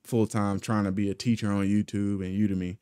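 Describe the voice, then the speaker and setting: Brisk and warm, this channel host's voice sits on the low side with little pitch movement and a clean tone, free of echo. The young man rambles through a casual, profane storytime with restarts, relaxed the whole way. He's in a small foam-paneled home studio, using a studio mic with a pop filter mounted on an arm.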